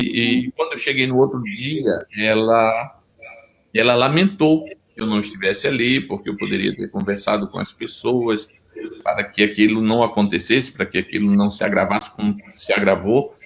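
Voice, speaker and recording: A middle-aged Brazilian pastor with a Pernambuco accent earnestly tells his story in a testimony interview, frequently restarting his sentences. His voice is lowish and creaky, and the audio quality is poor.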